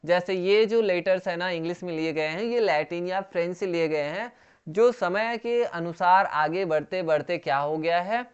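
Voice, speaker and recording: Patient teacher with a smooth, dull-sounding voice. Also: medium pitch. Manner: repeats each word slowly and poses questions to the learner. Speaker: English teacher. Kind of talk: explanatory lesson. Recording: dull lo-fi recording.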